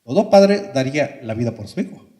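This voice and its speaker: A man's voice: mid-range voice, big pitch swings, a little fast, mellow. A male pastor preaching an impassioned sermon in a church, often addressing the congregation. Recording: echoey church hall reverb.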